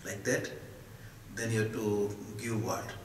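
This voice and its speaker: A man's voice: lowish voice, steady tone. Indian man teaching in an echoey hall. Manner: emphatic, rhetorical questions with short deliberate answers. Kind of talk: spoken philosophical discourse to students. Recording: echoey hall, distant mic, faint noise.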